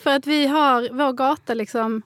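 A fairly high-voiced woman co-hosting a relaxed podcast conversation. She tells stories with lively energy, jumping into the voices of the people she quotes. The sound is dry and close, with no room around her. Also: no room sound. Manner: animated storytelling, acts out quoted dialogue. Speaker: podcast co-host. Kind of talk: casual chat.

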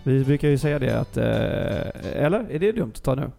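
A man's voice: medium pitch, very animated, gravelly, dark tone, soft background music. A man co-hosting a casual podcast, teasing his guest in a jokey way. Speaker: podcast co-host.

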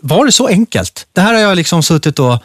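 A man's voice: sits high, big pitch swings, a bit bright, no room sound, studio quality. Emotional man stammering on a podcast. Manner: emotional, shaky, halting restarts. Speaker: podcast co-host. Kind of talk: casual chat.

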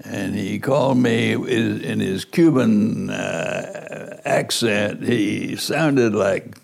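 Slow, gravelly older man recalling events. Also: on the low side. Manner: slow, deliberate, searching for words. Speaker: former prosecutor. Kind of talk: recounting in an interview.

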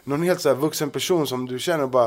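A man in casual podcast chat, slangy, acting out what other people say. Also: medium pitch. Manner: animated, acts out others' lines, slangy.

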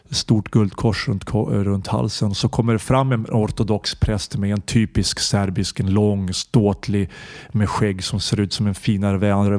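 A man's voice: lowish voice, darkish tone, no echo, studio quality. A man hosting a podcast, talking earnestly and reflectively in a personal monologue and searching for his words. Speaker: podcast host.

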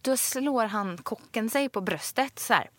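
A woman's voice: a little high, background noise. A woman co-hosting a podcast in a studio, telling a long story in a casual chat and acting out the retorts in it. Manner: lively storytelling with quoted retorts. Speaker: podcast co-host.

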